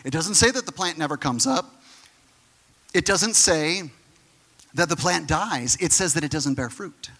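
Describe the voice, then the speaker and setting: A man preaching a sermon in a lively, conversational way, with quick asides. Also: fairly high pitch, in a large hall.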